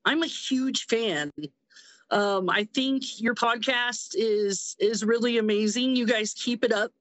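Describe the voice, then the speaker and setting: A woman guest on a podcast, speaking in a warm, hesitant way with many fillers. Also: fairly high pitch, slow pace, no echo, rough recording. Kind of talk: casual podcast chat.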